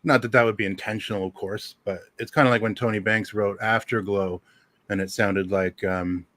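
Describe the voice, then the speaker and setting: Here the Southern Ontario radio host speaks at normal speed with a fairly low, fairly bright voice and fairly even intonation. In a casual livestream chat, he wanders through his music picks, full of ums.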